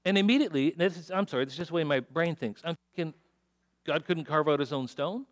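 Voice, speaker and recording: A middle-aged pastor with a fairly high voice preaches a sermon quickly to his congregation. He keeps it conversational, making self-deprecating jokes and putting questions to his listeners.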